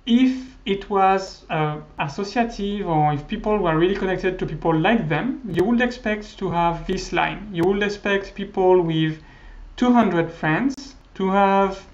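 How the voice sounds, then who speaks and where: A man in his thirties, a native French speaker, gives a slide-based university lecture that was recorded on slightly dull, lo-fi audio. His voice is high-pitched, and he hesitates, restarts and relies on many fillers.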